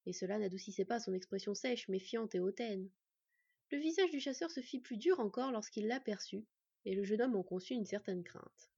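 A woman reading a fantasy novel aloud in an expressive storytelling way, in a dull, dry recording. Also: medium pitch, normal speed, gravelly, husky, no echo. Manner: expressive storytelling, acting out the characters. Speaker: audiobook narrator.

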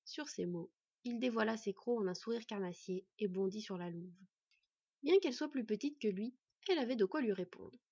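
A woman narrating a fantasy story in a measured storytelling way. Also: mid-range voice, darkish tone, breathy edge, dry recording. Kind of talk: scripted narration. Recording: dry, slightly dull recording.

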